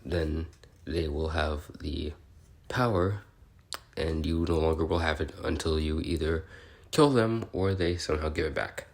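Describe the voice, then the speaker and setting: Here a man with a rumbling low voice, vocal fry and a measured pace gives a heavily acted turn as an awkward, curious, bookish researcher. Recording an in-character audio log of species notes, he explains in a semi-improvised, rambling, hesitant and politely apologetic way, musing with curiosity.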